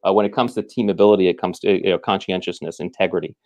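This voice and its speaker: A man talking as a guest, explaining his ideas in a measured way with many restarts. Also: sits low, fairly even intonation, darkish tone. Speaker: guest, former military trainer. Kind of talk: conversational explaining.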